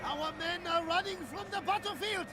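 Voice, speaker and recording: A man's voice: very high voice, normal speed, noisy background. A man playing an alarmed army adviser in a strategy video game, calling out dramatic battle reports. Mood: alarmed, indignant. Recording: distant game audio under battle crowd.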